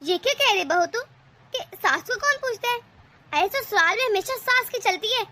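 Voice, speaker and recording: Domineering cartoon mother-in-law voiced by a woman, sarcastic, scolding, very high pitch, bright sharp tone. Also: expressive, moderate pace, slight background noise, heavily acted. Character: scheming middle-aged mother-in-law, domineering and taunting. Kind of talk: animated cartoon voice acting.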